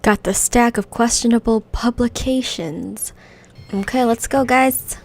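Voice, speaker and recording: Excitable woman narrating her game. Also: fairly high pitch. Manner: excitable, bubbly, quick to gasp and laugh. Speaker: gaming video creator. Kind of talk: casual gameplay commentary.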